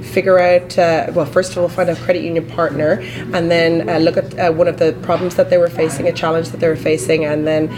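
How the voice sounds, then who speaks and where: A woman with a hoarse, croaky frog voice from a touch of flu, talking haltingly and thoughtfully as a guest in a casual interview. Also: on the low side, level tone. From Canada. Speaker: interview guest, credit union employee. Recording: busy conference chatter behind. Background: crowd at a conference.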